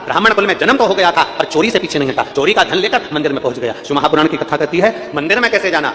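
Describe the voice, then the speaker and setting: A man's voice: fairly high pitch, expressive, rapid-fire, bright, forceful tone, long reverb tail. A man delivering a devotional scripture sermon to a large gathering, fervent and repetitive, breaking into sung verses. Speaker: religious storyteller.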